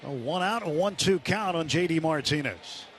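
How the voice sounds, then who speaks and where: A man with a slightly high, expressive voice calls baseball play-by-play on live radio at a moderate pace. He's in a stadium booth, and loud ballpark ambience comes through the noisy outdoor broadcast sound.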